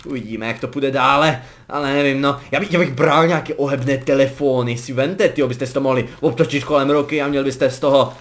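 A young man giving casual, joking commentary over a game he is playing, rambling along and breaking into excited yelps. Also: medium pitch, few pauses. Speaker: gaming commentator.

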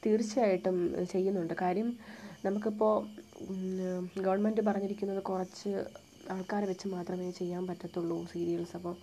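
A young woman with a Thiruvananthapuram Malayalam accent, chatting live and answering viewer comments in a soft, hushed voice with English words mixed in. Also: mid-range voice, slight background noise. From Kerala, India. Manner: soft-spoken, quiet, almost hushed; mixes English words into her talk.

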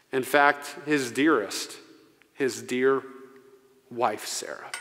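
Middle-aged guy preaching into a pulpit mic, voice a bit high, long church reverb, earnest and slow on the big lines. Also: fairly bright tone. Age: 40s. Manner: earnest, slowing down to stress key phrases. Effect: preaching into a pulpit microphone. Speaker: pastor. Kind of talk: sermon. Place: church sanctuary. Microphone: pulpit microphone.

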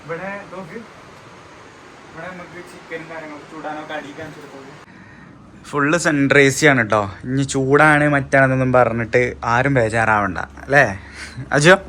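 A man's voice: medium pitch, poor audio. A man, vlogging casually as he shows people around a resort. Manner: chatty, keeps checking "all set?". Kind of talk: casual tour vlog. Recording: steady background noise.

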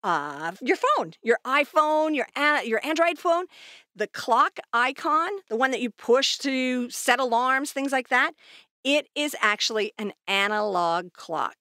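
A woman's voice: sits high, expressive, unhurried, pushed and bright, no echo, studio quality. A woman co-hosting a podcast, chatting casually and explaining ideas with everyday examples in an upbeat way. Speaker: podcast co-host. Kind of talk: casual chat. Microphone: studio microphone.

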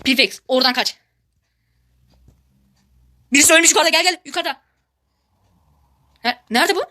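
A woman giving casual gameplay commentary as a YouTuber, excitable and shrieking when frustrated. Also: high-pitched, moderate pace. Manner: excitable, repeatedly addresses viewers as friends. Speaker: gaming YouTuber.

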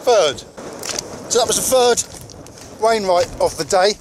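A man's voice: sits high, lively intonation, unhurried. A man in his forties, a hiking vlogger, chatting casually to a handheld camera outdoors on a windy mountain summit. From England. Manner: chatty, down-to-earth, slightly out of breath on the climb. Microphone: handheld camera at arm's length.

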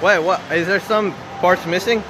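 A man's voice: sits high, steady tone, normal speed. Joking young man filming in a warehouse. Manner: teasing, jokey, laughs often. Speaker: vlogger filming coworkers. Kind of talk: casual joking vlog chatter. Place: large warehouse floor, indoors. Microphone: handheld phone camera. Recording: noisy warehouse ambience.

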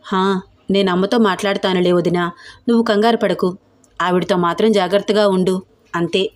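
A woman voicing a frank, lively young woman who reassures her sister-in-law. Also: medium pitch, moderate pace, close to an everyday voice.

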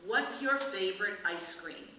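A woman's voice: medium pitch, lively intonation, unhurried, sharp tone, recorded from a distance. A woman reading the lines of a falsely sweet nurse who coaxes a little girl, in an echoey room away from the mic with hiss. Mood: coaxing. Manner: syrupy, falsely kind. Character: sweet-talking woman nurse, coaxing a child.

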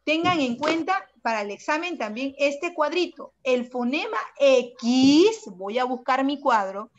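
A woman's voice: sits high, expressive, normal speed, a bit bright. A woman teaching a secondary school language class online, patient and affectionate but firm with her students. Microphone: computer mic on a video call. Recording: dull, lo-fi video call audio.

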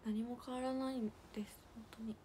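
A woman's voice: a little high, flat delivery, fairly quick, a little hiss or hum. Chatty young woman with a lilt. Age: young adult. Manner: chatty and giggly, dropping to soft near-whispers to thank viewers. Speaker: idol livestream host. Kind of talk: casual livestream chat reading fan comments.

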